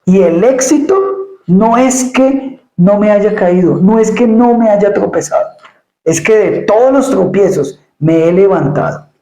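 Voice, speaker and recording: A male pastor delivers an emphatic sermon in a fairly high but dark, mellow voice. He repeats words as he builds his points. The sound carries the echo of a church room. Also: animated, measured pace. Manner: emphatic preaching with repetitions and acted asides.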